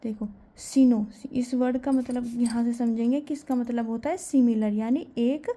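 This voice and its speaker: Lady teacher explaining grammar, soft warm voice, keeps asking and answering her own questions. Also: a little high, steady tone, moderate pace. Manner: asks questions and answers them herself.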